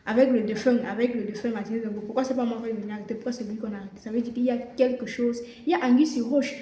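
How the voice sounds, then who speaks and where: A woman's voice: a little high, a little mellow. A young woman with a Cameroonian French accent gives earnest casual commentary to her viewers, often repeating words as she searches for them. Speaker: social media content creator. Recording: roomy echo, faint background noise.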